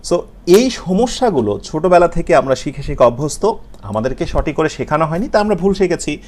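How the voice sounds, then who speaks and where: A man with a Bengali accent teaching English letters and pronunciation in a video lesson, repeating sounds slowly and asking and answering his own questions. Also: fairly high pitch, big pitch swings, darkish tone.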